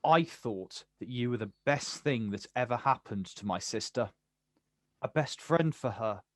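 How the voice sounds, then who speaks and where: A male actor with a medium-pitched, animated voice plays a bitter, protective older brother in a naturalistic stage drama, speaking a little slowly. He fires off clipped, confrontational questions in disbelief, with no echo on the audio.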